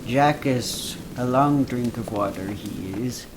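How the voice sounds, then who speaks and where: A man chats casually over a video game, relaxed and rambling with small fillers. His voice sits in the middle range, buried under loud background noise. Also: medium pitch, slow. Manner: relaxed, chatty, trailing off with fillers. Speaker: let's play co-host. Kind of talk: casual gameplay chat.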